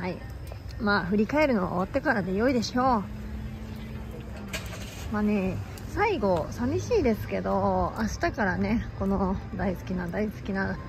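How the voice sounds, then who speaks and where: A baseball fan vlogger with a medium-pitched voice tells stories casually and animatedly, often exclaiming and laughing at herself. There is background noise in this storytelling vlog.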